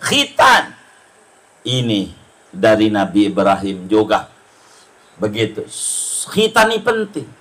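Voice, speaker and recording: A man, giving a sermon at a family celebration and telling humorous stories with slow, emphatic stresses. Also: on the high side, fairly bright tone, rough recording. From Indonesia. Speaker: preacher. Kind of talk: sermon at a circumcision feast.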